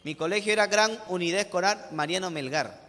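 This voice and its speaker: A young Peruvian man in his twenties preaches from the pulpit, telling stories in a lively way. His voice sits high and rings bright and forceful. The sound rolls out in a long church reverb. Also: a little fast. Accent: Peruvian Spanish. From Peru. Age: 20s. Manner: animated storytelling preacher, addresses listeners as "hermano". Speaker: pastor. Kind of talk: sermon.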